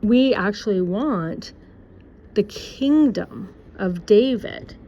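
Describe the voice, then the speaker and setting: A woman's voice: mid-range voice, warm tone, slight background noise. Sarcastic rambling woman vlogger. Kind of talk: personal opinion monologue. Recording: dull lo-fi recording.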